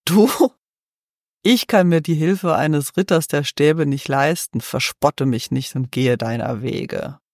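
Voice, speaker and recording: A man's voice: fairly high pitch, slow, darkish tone, no room sound, clean studio sound. A man voicing a bitter, weary shepherd. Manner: sighing, bitter, unbelieving. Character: poor weary male shepherd, bitter, pleading. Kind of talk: storybook reading.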